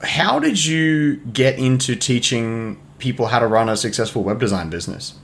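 A man's voice: medium pitch, animated, normal speed, vocal fry, fairly bright tone, a little hiss or hum. A man hosting a podcast, asking questions in an easygoing, chatty way. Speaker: podcast host. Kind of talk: casual interview.

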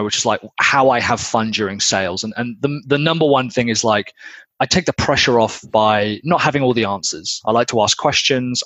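Husky guy on a podcast, blunt and energetic, swears a lot, middle pitch. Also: no echo. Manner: blunt, energetic, swears freely, acts out customers. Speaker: podcast co-host, sales coach. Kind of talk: casual podcast chat.

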